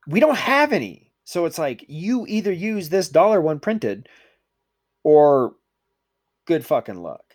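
A man's voice: a little high, big pitch swings, a little slow. A man co-hosting a podcast, ranting in casual profane chat and swearing freely. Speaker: podcast co-host.

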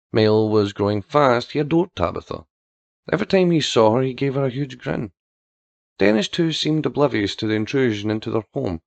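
Gravelly male storyteller. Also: medium pitch, dry recording, lo-fi sound. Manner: steady storytelling with character voices. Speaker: narrator. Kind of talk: scripted story narration.

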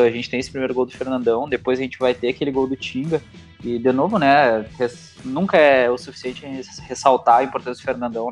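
A man with a gaúcho accent in casual, colloquial sports chat, often ending phrases with tag questions. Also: medium pitch. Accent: southern Brazilian, gaúcho. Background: music under the talk.

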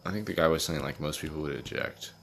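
A young man chatting casually with a friend, relaxed, slangy and swearing freely. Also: a bass voice, quick pace. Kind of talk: casual chat. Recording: background noise.

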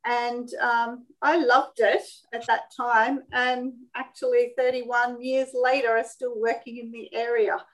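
An Australian woman in her fifties, an occupational therapist, talking in a measured way with frequent ums as an interview guest on a video call. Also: fairly high pitch, little pitch movement, low-quality recording. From Sydney, Australia. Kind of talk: interview conversation.

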